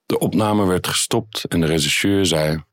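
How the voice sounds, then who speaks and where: A man reading his own crime story aloud in a calm, measured way. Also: low-pitched, no room sound, clean studio sound.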